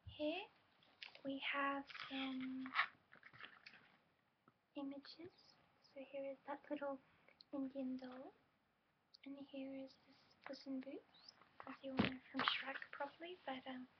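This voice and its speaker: A woman with an English accent, speaking and whispering softly and haltingly as she hosts an ASMR reading. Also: sits high, level tone. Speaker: ASMR video host. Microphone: mic that picks up poorly. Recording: muffled lo-fi mic, background noise.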